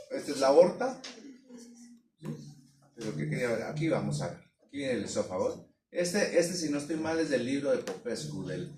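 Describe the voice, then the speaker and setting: A man's voice: medium pitch, a little mellow. Lecturing man, echoey and distant. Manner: explanatory, checks in with students often. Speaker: veterinary anatomy lecturer. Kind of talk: classroom lecture. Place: classroom. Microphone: distant room mic. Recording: echoey room from far off, some noise.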